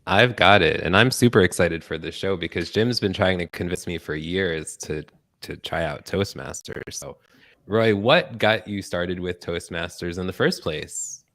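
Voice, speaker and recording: Male co-host, very deep voice, enthusiastic, casual show. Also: a little slow, fairly bright tone. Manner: enthusiastic, short interjections. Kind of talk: casual talk show hosting.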